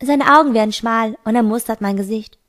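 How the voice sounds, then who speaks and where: A woman's voice: on the high side, brisk, fairly bright tone, close to an everyday voice. A woman voicing a teenage boy who insistently questions a close friend, in an amateur audiobook reading. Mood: pointed.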